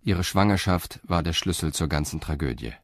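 In a close, dry recording without echo, a man with a deep voice tells a crime radio play. He sounds calm and deliberate yet expressive, as if reading a prepared script.

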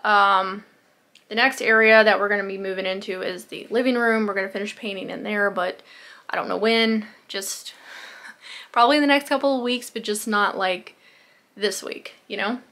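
A woman's voice: medium pitch, fairly even intonation, moderate pace, bright, forceful tone. Woman, 30s, chatty home vlogger, rambling delivery with lots of fillers, recorded close on a phone in a small bedroom. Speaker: lifestyle vlogger. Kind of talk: casual day-in-the-life vlog chat.

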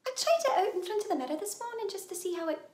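An actress with a Scottish accent performing a dramatic monologue as a nervous young woman who proposes to her flatmate, talking in a hesitant, halting way with nervous laughs. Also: very high voice, roomy sound. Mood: nervous, hopeful. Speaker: actor.

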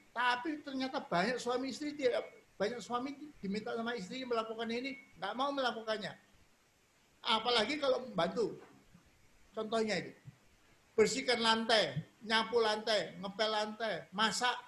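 Male retreat speaker, high voice, chatty and repetitive, echoey room. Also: a bit bright, slight background noise. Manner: repetitive, conversational, acts out quoted dialogue. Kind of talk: marriage seminar talk. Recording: echoey room with faint ambience.

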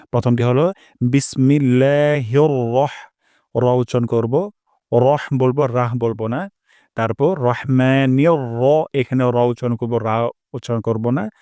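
A man teaching a pronunciation lesson for recitation, explaining calmly and stretching each sound out slowly as he demonstrates. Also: medium pitch, no echo, clean studio sound. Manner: slow, drawn-out demonstrations of each sound, repeated.

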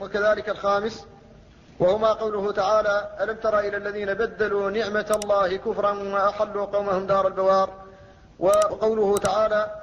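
A Mauritanian man delivers a classical Arabic lecture on tajweed, explaining Quran recitation point by point and quoting verses. His voice is high, flat and even. The lo-fi recording sounds dull, with a long reverberant tail and slight hiss or hum.

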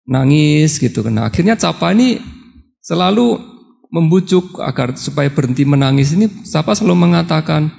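A man's voice: on the high side, lively intonation, normal speed, creaky, darkish tone, in a large hall. A man, a Buddhist monk, giving a dharma talk on retreat who tells a story, acts out the characters' lines and often laughs. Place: meditation hall on retreat.

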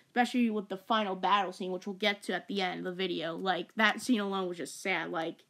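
A young woman giving a casual movie review, rambling and excitable, full of fillers and stumbles. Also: mid-range voice, brisk.

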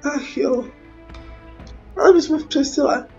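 The voice is high and mellow, belonging to a young Czech-accented woman who has a cold. She hosts a gaming video, casually commenting in a slangy, sarcastic, meandering way, recorded as a dull lo-fi track above the game's music.

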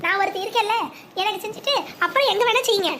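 Woman voicing a sharp-tongued young cartoon wife, scolding, resentful, very high, quick. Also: a little hiss or hum.

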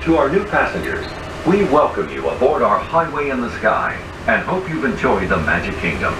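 A man giving a polite, measured, scripted train announcement, played over a cabin loudspeaker. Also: mid-range voice, wildly swooping pitch, distant mic. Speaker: recorded monorail announcer. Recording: echoey noisy loudspeaker heard from afar.

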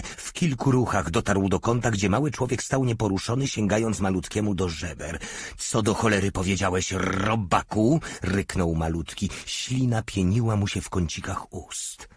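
Narrator, male: very low, husky voice, dry close recording, grave measured reading. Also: a little mellow, no echo. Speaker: audiobook narrator. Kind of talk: scripted audiobook narration.

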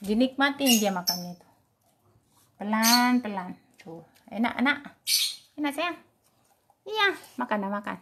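A woman's voice: fairly high pitch, lively intonation, measured pace, pauses often, a bit bright, slight background noise. A woman vlogging as she feeds her dogs, talking to them in a singsong, affectionate way, cooing and scolding in turns. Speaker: dog owner feeding her dogs. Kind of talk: casual vlog talk to pets.

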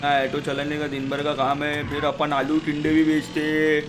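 A man hosts comic gameplay commentary in a slightly high, playful voice. He jokes like a street seller and breaks into sudden shouted calls. Loud game sounds run underneath him. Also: monotone, normal speed, background noise. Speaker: gaming channel host.

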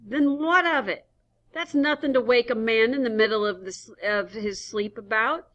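A woman doing a gruff sleepy old stand owner. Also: high voice, very animated, unhurried, fairly bright tone, pitched above the performer's own voice, exaggerated voice. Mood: scolding. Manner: gruff, scolding. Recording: dull lo-fi recording.

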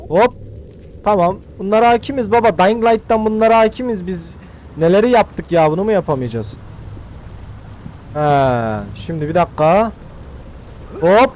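A young man casually commenting as he plays a video game for his channel, chatty and slangy, thinking out loud as he goes. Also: sits high, animated, normal speed, a little hiss or hum. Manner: chatty, slangy, thinks aloud while playing. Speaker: gaming YouTuber. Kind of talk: casual let's-play commentary.

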